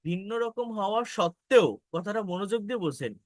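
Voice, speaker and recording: A man's voice: sits high, expressive, fast, darkish tone, dry recording. A man teaching an English pronunciation lesson, explaining patiently, repeating key points and speaking directly to his viewers. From Bangladesh.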